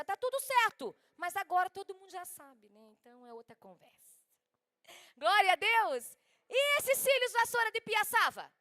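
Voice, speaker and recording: A woman preaching a humorous sermon at a women's conference with a Brazilian Portuguese accent, swinging from loud exclamations to soft asides. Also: very high voice.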